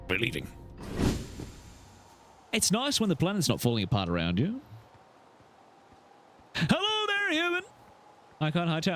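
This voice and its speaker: A man streams a video game live, chatting to himself and his viewers in a playful, exclamatory way. His voice sits a little high and swings widely up and down, with a faint hiss of noise underneath. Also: a bit bright. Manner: playful, talks to himself and chat, exclaims often. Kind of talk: live gameplay commentary.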